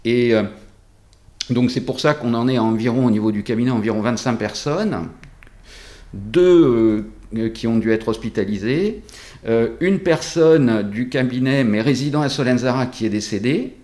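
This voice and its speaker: A man speaking through a face mask as a doctor in an interview, explaining things deliberately with hesitant pauses. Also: medium pitch, darkish tone. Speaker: doctor at a local practice being interviewed.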